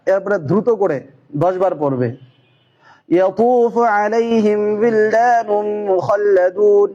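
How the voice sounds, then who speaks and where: Male Quran teacher, high voice, slightly dull lo-fi sound, steady explainer. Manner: chants Arabic syllables slowly and loudly when demonstrating. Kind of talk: instructional talk on Quran reading.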